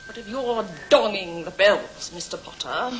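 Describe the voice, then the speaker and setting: An actress playing a jolly, bossy bell ringer in a TV comedy special, chirpy in manner. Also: female voice, medium pitch, wildly swooping pitch, a little slow, very noisy.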